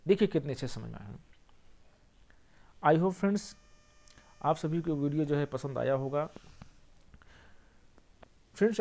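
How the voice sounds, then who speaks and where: A young man teaching Hindi grammar in a lesson, who keeps asking the viewer questions and rereads each example slowly. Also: fairly high pitch, creaky, mellow. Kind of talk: classroom explanation of figures of speech.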